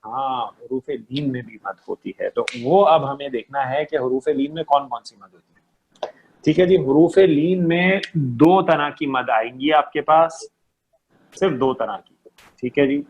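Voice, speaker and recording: A man's voice: medium pitch, measured pace, darkish tone, muffled recording. A man teaching an online class, patient, repeating key terms and checking often that his students understand.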